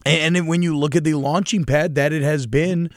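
A man's voice: a little high, steady tone, a little fast, dry recording, studio quality. A man co-hosting a casual sports talk show, chatty and joking. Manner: chatty, joking, rambling with restarts. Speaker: sports podcast co-host.

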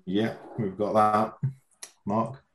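An echoey, roomy recording of a man with a fairly low voice. He plays quizmaster on a football podcast, chatting casually and bantering with the contestants. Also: takes it slowly, a bit bright, a little hiss or hum. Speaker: quiz host on a football podcast.

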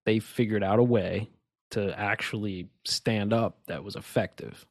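Hiccuping as he goes, a man co-hosts a laid-back conspiracy podcast, speaking emphatically and rambling through many restarts and asides. His voice sits fairly low with fairly even intonation and a measured pace, captured in a clean, dry studio recording.

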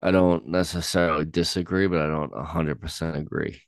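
Man, very low voice, smooth and clear, dry sound, hesitant casual chat. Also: steady tone, dry recording. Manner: hesitant, halting, many ums and restarts. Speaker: podcast co-host. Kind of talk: casual chat reacting to songs.

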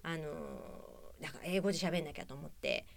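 A woman's voice: low voice, animated, brisk, creaky, dry recording. A woman radio personality chatting casually and animatedly with her co-hosts in a studio. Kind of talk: casual chat among co-hosts.

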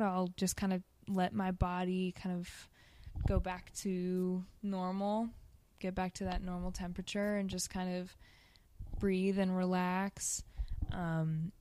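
A woman's voice: on the low side, flat delivery, measured pace, darkish tone, smooth, dry recording. A young woman guest speaking casually in an interview, with hesitant, informal phrasing that tends to trail off. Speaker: podcast guest, ice bath coach.

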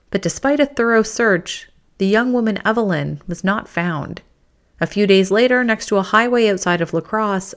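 A woman reading a scripted true crime narration in a measured, suspenseful storytelling manner. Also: mid-range voice.

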